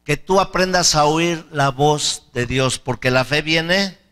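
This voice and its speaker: A man's voice: a little high, slow, fairly bright tone, smooth, big-room sound. A male pastor preaching a sermon with fervor. He repeats key phrases and leads the congregation in prayer.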